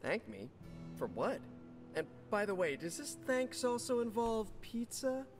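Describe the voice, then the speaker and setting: A man's voice: big pitch swings, faint music behind. A quippy young Spider-Man. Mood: chatty. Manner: jokey, fast and playful, voice jumping high and low. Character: young male superhero, quippy and nervous. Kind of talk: video game voice acting.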